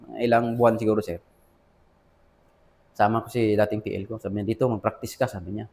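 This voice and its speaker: A man's voice: fairly low pitch, level tone, fairly quick, gravelly, mellow. A man with a Filipino accent, an army officer recounting his career in a casual interview, often saying sir and quoting past conversations. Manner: addresses listener as sir often, quotes dialogue.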